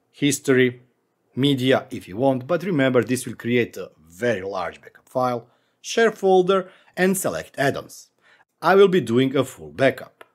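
A man's voice: medium pitch, a little mellow. A man in his forties hosting a screen-recorded tech tutorial from a home office, talking through steps with wry asides. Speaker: tech channel host.

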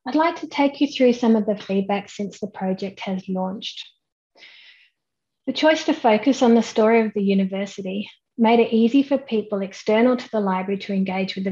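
A woman, giving a measured, explanatory conference keynote over a webcam. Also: medium pitch, dark tone, highs cut off. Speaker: keynote speaker. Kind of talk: online conference presentation. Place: indoors at home, plain wall behind. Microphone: webcam at desk, head and shoulders framing.

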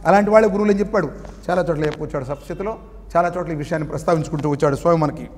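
A man giving a spiritual sermon who chants verses slowly and then explains them, often asking a question and answering it himself. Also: on the high side, in a large hall. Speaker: spiritual teacher.

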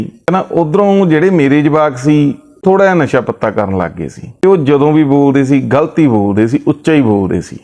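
Storyteller, male, even middle voice, recounts a told story. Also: medium pitch. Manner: relays another man's words with repeated "he says". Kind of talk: retelling a family story.

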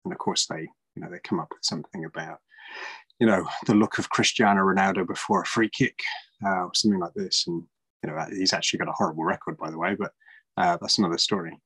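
A middle-aged man hosts a podcast over a video call from a small room at home, in a casual interview chat. He talks fast and thoughtfully, with lots of fillers and restarts, in a low, husky, fairly bright voice with fairly even intonation. The rough recording has no room sound.

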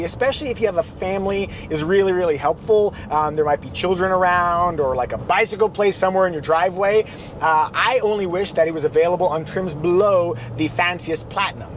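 High-voiced chatty male car reviewer. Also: a little hiss or hum. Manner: relaxed, chatty, with playful asides. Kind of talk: casual car review while driving. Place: inside a minivan, driving.

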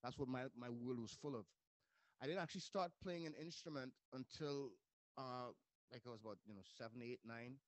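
Trinidad-born man, video-call interview guest, easygoing and rambling, mid pitch, dry close sound. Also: brisk, no echo. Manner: relaxed, rambling with restarts. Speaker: interview guest, music producer. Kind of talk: casual interview chat.

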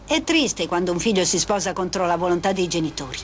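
A woman's voice: lowish voice, lively intonation, fast, slight background noise, close to an everyday voice. A woman playing a kindly, slightly frail elderly mother in a dubbed TV soap opera. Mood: warm, chatty. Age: older.

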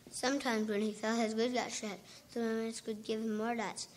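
A woman reading a storybook aloud on stage at a school program, plain and steady. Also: a little high, brisk, a little hiss or hum. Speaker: student narrator.

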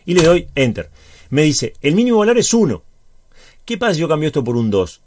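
A man with a Uruguayan Spanish accent, a high school teacher giving a chatty spreadsheet tutorial, explaining step by step and checking in with the viewer often. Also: very animated, brisk, a little mellow, a little hiss or hum.

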